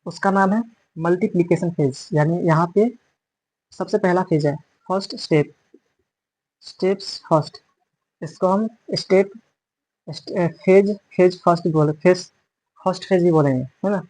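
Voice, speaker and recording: In a classroom-style biology lecture, a man explains in Hindi mixed with English terms, repeating and correcting terms as he goes. His high-pitched voice is unhurried and a little mellow, with frequent pauses. The recording is low quality.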